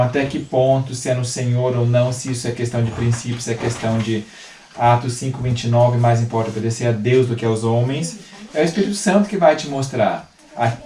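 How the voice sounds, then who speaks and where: A man's voice: medium pitch, warm tone, reverberant, distant mic. A male missionary host in casual religious chat, speaking with careful articulation and often adding "né?". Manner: explains with deliberate articulation, frequent "né?".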